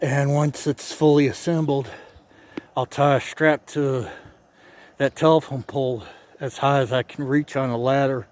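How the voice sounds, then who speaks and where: A man narrating his own project vlog outdoors in a casual, halting way, thinking aloud as he works. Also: medium pitch, fairly even intonation, a little mellow. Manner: chatty and halting, thinking aloud while working. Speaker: DIY vlogger. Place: outdoors by a driveway.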